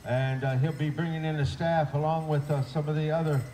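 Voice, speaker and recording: A man working as a powwow emcee, announcing over a PA in folksy patter with drawn-out call-outs. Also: on the high side, little pitch movement, mellow, slight background noise. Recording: echoey PA with music behind.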